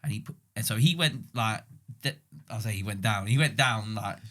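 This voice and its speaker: A man co-hosting a casual fitness podcast, telling animated stories and swearing freely. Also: on the low side, moderate pace. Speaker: podcast co-host. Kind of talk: casual chat.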